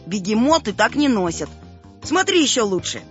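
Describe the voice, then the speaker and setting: A woman's voice: a little high, very animated, normal speed. A woman voicing a dreamy, observant boy who eagerly explains what he sees in the clouds, in a children's audiobook. The recording is a little dull, with faint music underneath.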